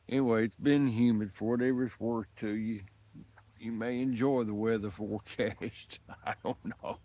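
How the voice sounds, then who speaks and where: A man's voice: medium pitch, a little mellow, no room sound. A worn-out man talking casually outdoors on a windy day, rambling in a folksy rural way about his pipe. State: worn out and sweaty from work. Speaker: pipe-smoking vlogger.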